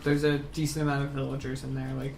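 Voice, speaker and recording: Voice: medium pitch, monotone, quick pace. A game master narrating a tabletop game in a rambling way full of "like" and "um". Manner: rambling, filler-heavy description. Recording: roomy echo with faint hum.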